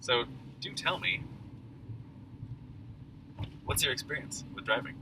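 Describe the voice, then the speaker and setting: A man's voice: mid-range voice, animated, slow, sharp tone, distant mic, a little hiss or hum, rough recording. A young man hosting a casual podcast chat from inside a car while driving, chatty and laughing often. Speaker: podcast host. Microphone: camera held on the passenger's lap.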